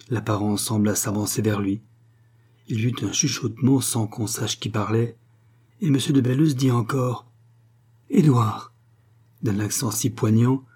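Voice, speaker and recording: Man reading a short story, measured, dark husky voice. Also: on the low side. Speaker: audiobook reader. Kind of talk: scripted narration.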